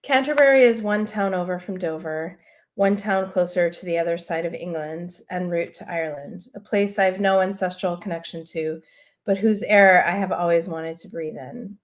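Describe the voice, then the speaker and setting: Over a video call, a soft-spoken woman with a lowish voice reads from her own literary prose. She takes her time and adds casual asides along the way.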